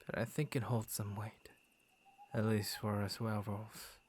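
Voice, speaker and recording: A voice actor plays a gentle, lonely young werewolf who becomes a tender suitor in an intimate scripted ASMR boyfriend monologue. His lowish, level, natural voice is soft and confiding, breathy with hesitant pauses and frequent whispers, over a slight hiss or hum.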